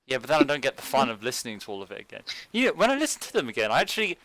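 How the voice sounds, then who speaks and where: Lively bright-voiced male podcast host. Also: medium pitch, rapid-fire. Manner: animated, laughs often, teasing. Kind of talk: casual podcast chat.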